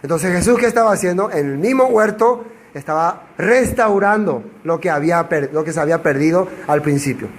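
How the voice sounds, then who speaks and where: A man's voice: a little high, lively intonation, a little fast, few pauses. A man teaching a Bible passage verse by verse, who asks rhetorical questions and answers them himself. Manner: acts out quoted dialogue in changed voices.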